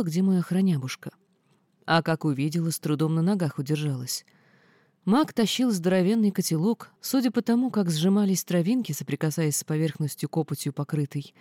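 A woman narrating a first-person storybook tale in an expressive, folksy way. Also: low-pitched, no echo, studio quality. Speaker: audiobook narrator.

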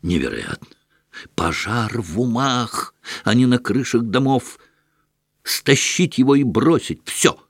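Frantic governor, put on by a male narrator; agitated shouted commands, dry close sound. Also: medium pitch, sing-song, slow, vocal fry, breathy edge, no room sound, heavily acted.

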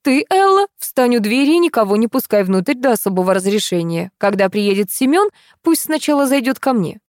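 Casting: a stern old matriarch with clipped, commanding orders, put on by a woman narrator; lively pitch, dry close sound. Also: fairly quick, no echo. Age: older.

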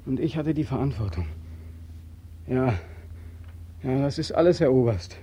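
An actor playing a bitter, sleepless young soldier back from war, in 1940s radio drama style, speaking intensely and accusingly with a husky voice. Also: male voice, mid-range voice, unhurried. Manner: intense, accusing, swings from hushed to loud. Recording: old radio drama recording.

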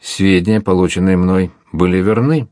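A man's voice: low voice, moderate pace, darkish tone, no room sound, clean studio sound, close to an everyday voice. A man voicing a fierce, anguished young captain in an adventure audiobook, speaking in an impassioned, declamatory way. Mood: resolute. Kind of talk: audiobook character reading.

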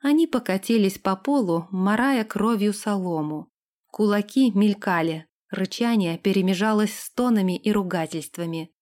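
A woman reading a fantasy novel aloud in steady, expressive scripted narration. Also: medium pitch, normal speed. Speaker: audiobook narrator.

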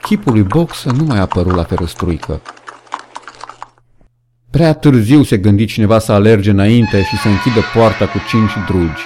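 A man's voice: lowish voice, over music. A man reading a novel aloud as an audiobook narrator, with dramatic storytelling. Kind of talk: scripted narration.

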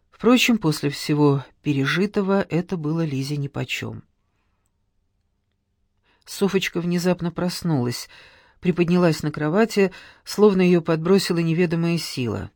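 A woman's voice: sits low, a little mellow, no room sound, clean studio sound. A woman narrating a story as an audiobook reader, reading every part in much the same voice. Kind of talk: scripted narration.

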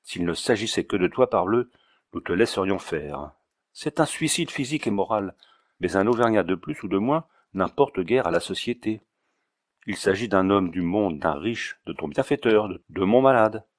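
A man's voice: on the low side, animated, normal speed, dry recording, studio quality, natural voice. A man reading the part of an indignant, pompous male doctor who scolds sternly in an audiobook.

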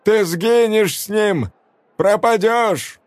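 A man reading a story aloud voices an old father, over 60, shouting a slow desperate plea to his daughter. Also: sits high, no echo, pitched above the performer's own voice. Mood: pleading shout.

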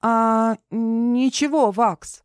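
A woman reading an audiobook, voicing a jumpy, sharp-tongued young woman who gabbles fast and snaps back. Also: fairly high pitch, lively intonation, no room sound, studio quality, pitched above the performer's own voice, natural voice. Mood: flustered. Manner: rapid, flustered, snapping.

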